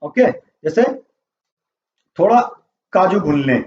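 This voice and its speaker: A man's voice: high-pitched, animated, slow pace, a little mellow, a little hiss or hum. A man teaching a vocabulary lesson, quizzing the class and repeating their answers. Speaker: English teacher. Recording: roomy, distant, dull classroom audio.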